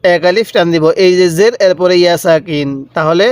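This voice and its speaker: A man's voice: sits high, clean tone, no echo, studio quality. A man teaching Quran letter reading step by step, patiently repeating and drawing out each syllable. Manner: patient, repetitive, drawn-out syllables. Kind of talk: step-by-step recitation lesson.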